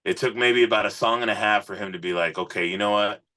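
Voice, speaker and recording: A fast-talking man with a deep, forceful voice chats like an interviewed musician. He's sincere and casual, rambling through his story with small fillers sprinkled in. The setting suggests a singer guesting on a podcast.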